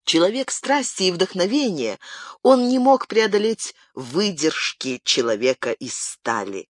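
Expressive audiobook narrator, dry close sound. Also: medium pitch, dry recording. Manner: expressive, dramatic storytelling. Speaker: audiobook reader. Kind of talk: scripted narration of a classic novel.

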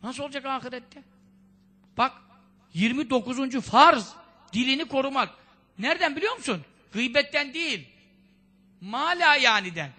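A man preaching a conversational sermon, firing off rhetorical questions, scolding in a lively way and quoting Arabic sayings. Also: very high voice, normal speed, long pauses. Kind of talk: religious sermon talk.

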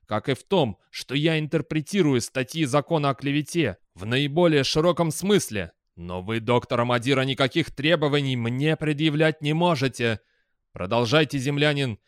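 Brief: male reader doing a commanding chairman, slow, loud and deliberate, close dry sound. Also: mid-range voice, clean tone, no echo, lightly acted. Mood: angry. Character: stern powerful male council chairman.

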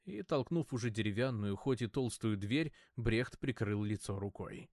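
A man's voice: lowish voice, expressive, moderate pace, darkish tone, no echo, studio quality. A man reading an audiobook in a wry, conversational way, now and then correcting himself as he goes. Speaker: audiobook reader. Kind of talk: audiobook narration.

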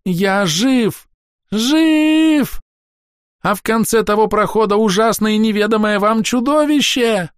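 Man voicing shrill frantic elf sorcerer. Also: a little slow, no room sound, clean studio sound, lightly acted. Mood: desperate boasting. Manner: shrill, declamatory wailing. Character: frantic pompous male elf sorcerer, pleading.

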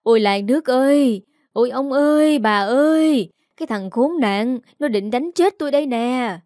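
A woman's voice: medium pitch, animated, moderate pace, warm tone, no echo, clean studio sound, lightly acted. Woman narrator playing a shrieking, cursing middle-aged wife for a storybook. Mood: wailing. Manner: screeching, cursing. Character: shrill furious middle-aged wife, jealous.

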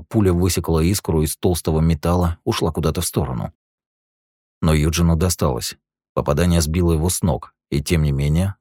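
Low voiced guy reading sci-fi audiobook, dry booth. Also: darkish tone, slightly rough, dry recording. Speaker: audiobook narrator. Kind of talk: scripted audiobook narration.

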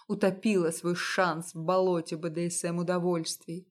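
A woman narrating a novel in the first person, in steady, measured storytelling. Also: fairly low pitch. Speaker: audiobook narrator.

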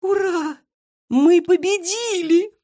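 A storybook reader voicing an excitable young female guinea pig who squeals and exclaims. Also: sits high, normal speed, pitched above the performer's own voice. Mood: excited. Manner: squealing, exclaiming, breathless delivery.

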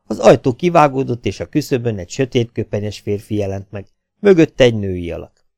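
A man with a Hungarian accent reads an audiobook aloud in an even, measured way. His voice is dark and mellow, at a middle pitch. The close recording is dry, with no room sound. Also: gravelly, no echo. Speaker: audiobook reader. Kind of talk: audiobook narration.

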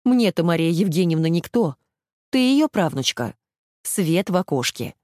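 A woman voicing an emotional, sharp-tongued young woman who speaks in an agitated, reproachful way. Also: on the low side, expressive, normal speed, dry recording, studio quality.

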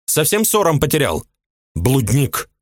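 Guy putting on a shrieky jealous widow, high voice swinging all over, audiobook, dry sound. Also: huge pitch swings, unhurried, dry recording. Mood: furious. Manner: shrieking, scolding, tearful reproach. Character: angry jealous young widow, shrill and accusing. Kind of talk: audiobook character voice.

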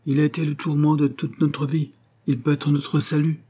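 A devoted young daughter cries out in anguish at the thought of leaving the people she loves, as a man reads her part. The voice is lifted higher than the reader's own and speaks in pleading exclamations. Its dark, husky tone stays underneath. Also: flat delivery, normal speed. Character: young woman, devoted daughter, anxious and impassioned.

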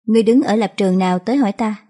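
A woman's voice: medium pitch, racing, mellow, lightly acted. A woman voicing a cold, ruthless young empress who speaks in clipped, commanding lines.

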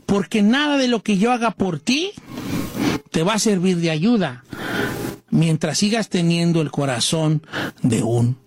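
A man doing an old, mysterious wizard with a calm, kindly way of talking. He speaks unhurriedly, as in a told fable. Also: sits high, a little slow, pauses often.

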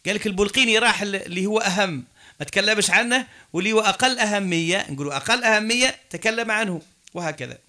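A man with an Algerian Arabic accent lectures a classroom. His voice sits high for a man and sounds bright and forceful. He switches between dialect and formal Arabic and checks his students with questions as he explains. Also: fast talker. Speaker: teacher.

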